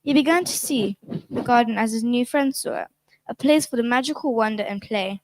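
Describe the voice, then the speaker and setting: High-voiced woman narrating a storybook. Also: a little fast, darkish tone, a little hiss or hum, low-quality recording.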